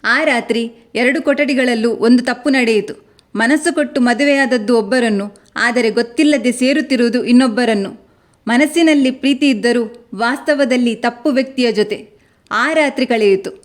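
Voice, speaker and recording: A woman with a somewhat high voice tells a dramatic story in steady scripted narration. She stays unhurried and even throughout. She reads the characters' lines in her own natural voice, without putting on separate voices.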